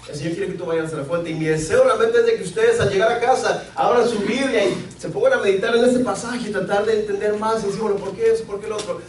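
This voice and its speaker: A man's voice: sits high, fast talker, hardly any pauses, slight background noise. A man from Mexico preaching a sermon as pastor, earnest and repeating key phrases for emphasis. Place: church sanctuary. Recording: echoey church, mic at a distance.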